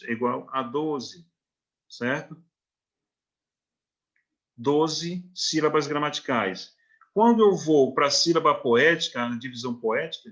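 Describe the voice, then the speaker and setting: A man with a Brazilian Portuguese accent gives a recorded online lecture on literature, often checking in with quick questions and reading poetry out syllable by syllable. He has a fairly bright voice on the high side, captured with lo-fi sound.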